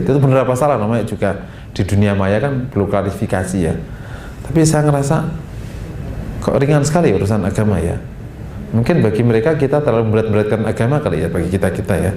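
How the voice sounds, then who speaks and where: A male preacher lecturing in a mosque hall, his tone conversational and full of asides. His pitch leaps and falls in lively waves as he stresses each point. The room is echoey, with a faint rumble underneath. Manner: animated, rising high for emphasis, chatty asides with laughs. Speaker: Islamic preacher. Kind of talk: religious study lecture.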